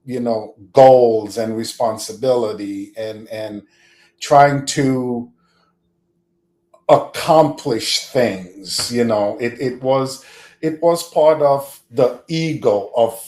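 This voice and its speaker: Slow, reflective Haitian-born man. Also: medium pitch, a little mellow, echoey room. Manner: slow, reflective, chuckles often. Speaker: guest. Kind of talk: podcast interview.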